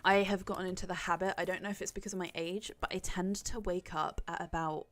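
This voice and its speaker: A woman's voice: fairly low pitch, steady tone, quick pace, no room sound. A woman livestreaming a game from home, chatty and bubbly, thinking aloud and greeting her viewers in the chat. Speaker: livestreaming gamer. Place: at home with a cat on her lap. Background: faint game music.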